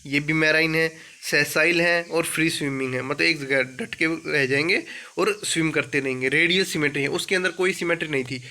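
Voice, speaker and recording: Bright-voiced man teaching biology. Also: on the high side. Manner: asks questions then answers them himself; reads English textbook lines slowly, explains in Hindi. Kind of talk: exam-prep lecture.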